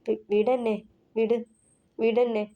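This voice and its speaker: A woman reading the part of a frightened young female student, speaking in halting, stammering pleas. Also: a little high, little pitch movement, narrow, tinny audio. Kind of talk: audio novel character reading.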